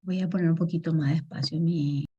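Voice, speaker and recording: Woman lecturer, low-pitched, explanatory online class, lo-fi call audio. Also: steady tone, fairly quick, warm tone, breathy edge. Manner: patient, explanatory, checks in with frequent tag questions. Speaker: teacher.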